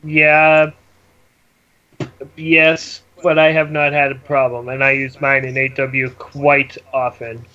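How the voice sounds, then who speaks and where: A man's voice: medium pitch, flat delivery, slow pace. A man chatting casually as co-host of a gaming show. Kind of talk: casual chat. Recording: dull lo-fi voice chat audio.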